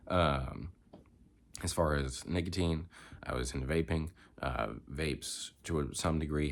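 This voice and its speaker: A man's voice: extremely low pitch, vocal fry, a little hiss or hum. A young man, congested, rambling reflectively in a candid personal vlog with many filler words. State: congested, coughing. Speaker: vlogger.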